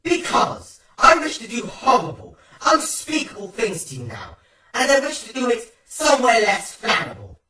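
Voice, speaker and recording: A narrator playing a furious storybook pony, hammy as a stage villain. The voice is raised high and loud, full of menace, swinging widely in pitch. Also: sing-song, normal speed, reverberant, recorded from a distance, low-quality recording. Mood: menacing fury. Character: furious, menacing pony threatening horrible things.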